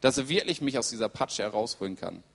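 A man preaching a sermon in a lively storytelling way, acting out the voices of the people he quotes. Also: medium pitch, fast talker, vocal fry. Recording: long reverb in a hall.

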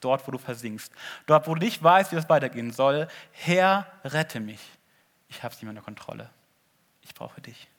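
Earnest preacher man, fairly high voice. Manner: earnest, swings from loud appeals to hushed asides. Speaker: pastor. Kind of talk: sermon.

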